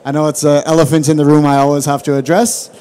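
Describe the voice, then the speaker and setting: A man's voice: on the high side, flat delivery, quick pace, mellow, clean tone. A man with a mixed Jamaican and Canadian accent gives a live presentation to an audience at an event, casual and joking, with plenty of fillers. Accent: mixed Jamaican and Canadian English. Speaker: rum brand ambassador giving a presentation. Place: event hall.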